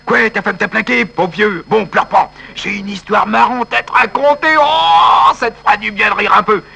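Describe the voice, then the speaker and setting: A man's voice: high voice, moderate pace, vocal fry, bright, forceful tone, breathy edge, exaggerated voice, poor audio. A man voicing a tactless fellow who mocks and fusses over a weeping friend in a comic sketch. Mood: jokey. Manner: bossy, mocking, fussing.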